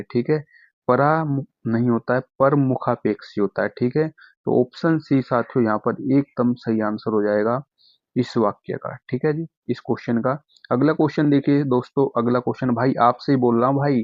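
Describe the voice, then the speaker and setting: A young man teaching an online exam-prep class, speaking to students as friends and saying "okay" after nearly every point. He slows down to sound out difficult words syllable by syllable, in a mid-range voice. The sound is dry and a little muffled. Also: medium pitch, no echo. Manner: addresses students as friends, repeats "ठीक है" constantly; spells words out slowly, stressing syllables. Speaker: Hindi teacher.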